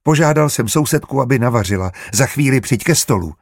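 A man voicing a quick-tempered grown brother and father who speaks curtly and firmly. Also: medium pitch, expressive, husky, dry recording, studio quality, pitched above the performer's own voice. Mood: welcoming. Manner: curt, firm.

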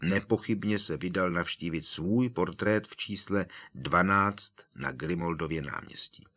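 A man reading an audiobook as narrator, in steady storytelling. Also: sits low. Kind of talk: scripted narration.

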